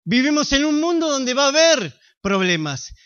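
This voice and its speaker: A man preaching a sermon in a Rioplatense accent, slow and emphatic with dramatic pauses. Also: very high voice, big pitch swings, fairly bright tone. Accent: Rioplatense Spanish. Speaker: pastor. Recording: slightly dull lo-fi sound.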